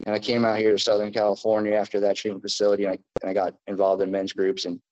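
Low, even-voiced American man addressing an audience. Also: muffled recording. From New Jersey, United States. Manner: addressing a live group, plainspoken, halting. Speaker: speaker at a recovery meeting. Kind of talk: personal testimony in front of an audience.

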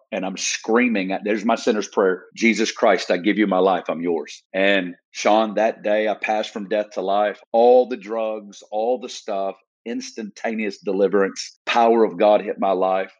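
A man's voice: fairly low pitch, dull audio. A man from Arkansas, a podcast guest, earnestly telling his personal testimony in vivid detail. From Arkansas, USA. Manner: earnest, vivid storyteller who repeats phrases.

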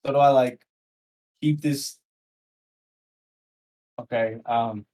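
A man's voice: medium pitch, steady tone, takes it slowly, dark tone, low-quality recording. A young man chatting casually as a podcast guest, rambling in slang and filling his talk with "like" and "bro". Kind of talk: casual chat.

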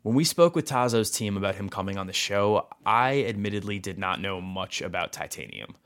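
A man's voice: on the low side, animated, a little fast, a bit bright. A man hosting a podcast, introducing interviews and chatting with guests in a conversational, enthusiastic way. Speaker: podcast host. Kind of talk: podcast host narration and interview.

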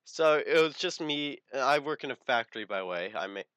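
A man's voice: medium pitch, expressive, brisk, a bit bright, no echo. A young man co-hosting a casual chat show, brash and crude, laughing often as he tells stories. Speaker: podcast co-host.

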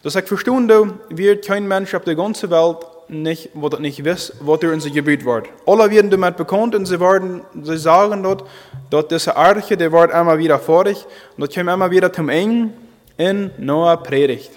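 Halting preacher man in a reverberant hall. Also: sits high. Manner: halting, repeats and restarts phrases. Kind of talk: sermon.

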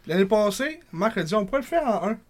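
This is a man with a fairly high voice and a Quebec French accent. He co-hosts a podcast in loose, joking chat, often feeling his way through a sentence. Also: big pitch swings, fast, slight background noise. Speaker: podcast co-host. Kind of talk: casual chat.

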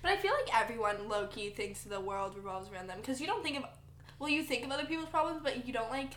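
Young woman podcast co-host, high voice, giggly and teasing, roomy echo. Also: animated, fast talker, a loud crowd. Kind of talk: casual chat.

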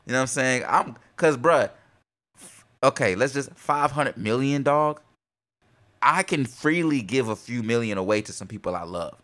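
A man's voice: mid-range voice, normal speed. Laid-back slangy young man from North Carolina. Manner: laid-back slangy banter, gets loud and laughing when excited. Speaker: podcast co-host. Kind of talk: casual chat.

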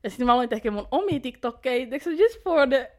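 A woman's voice: high-pitched, lively intonation, darkish tone. A young woman co-hosting a casual podcast, thinking aloud in a reflective way with lots of filler words. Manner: reflective, many fillers like niinku and tiiäksä. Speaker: podcast co-host.

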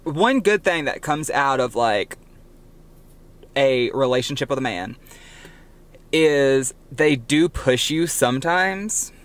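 Slow and prone to frequent pauses, a young man with a medium-pitched, lively voice chats on a casual podcast he co-hosts, telling stories and revising details as he talks. He speaks into a budget mic.

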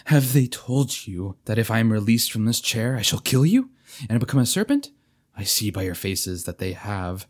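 A man's voice: fairly low pitch, very animated, normal speed. A man reading aloud, voicing a tormented young knight who begs to be freed, his pleading rising toward shrieks.

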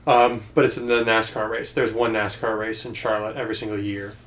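A man hosting a casual podcast chat, playful and quick to tease his guest. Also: fairly low pitch, level tone, fairly bright tone, a little hiss or hum. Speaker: podcast host.

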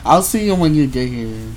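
A man's voice: on the high side, expressive, measured pace, a little mellow, poor audio. Young guy on a podcast, blunt and teasing, cusses, bit of noise behind him. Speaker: podcast host. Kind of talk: casual slangy podcast chat.

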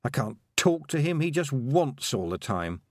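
A man voicing a sharp-minded, determined young girl. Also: medium pitch, big pitch swings, unhurried, no echo, clean studio sound. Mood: earnest.

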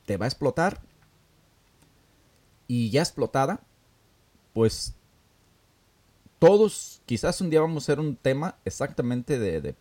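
A man's voice: medium pitch, very animated, measured pace, long pauses, darkish tone. A man hosting a talk show, giving earnest advice in a casual, filler-laden way. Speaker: radio talk host.

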